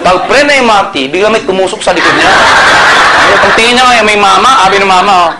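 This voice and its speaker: A high-voiced Filipino man works a seminar crowd, cracking jokes and firing questions at the room. His talk rides over a lively audience in a hall. The recording carries steady noise under him. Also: quick pace. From Pangasinan, Philippines. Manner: joking, storytelling, quizzes the crowd. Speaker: marketing presenter. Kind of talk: seminar sales pitch to a live audience. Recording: noisy hall with a reacting crowd.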